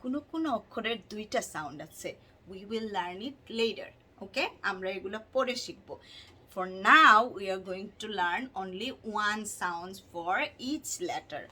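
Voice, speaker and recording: A woman's voice: medium pitch, lively intonation, bright, forceful tone. A woman with a Bangladeshi accent teaching letter sounds to children, drawing out words and repeating them in a sing-song way. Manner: slow, drawn-out, sing-song repetition, switching between English and Bangla. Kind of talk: phonics lesson for kids.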